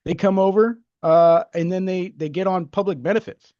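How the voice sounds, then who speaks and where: His voice is high, steady, a little mellow and at normal speed as this American podcast co-host offers opinions in casual chat, rambling hesitantly with lots of fillers. There's no room sound, and the highs are cut off.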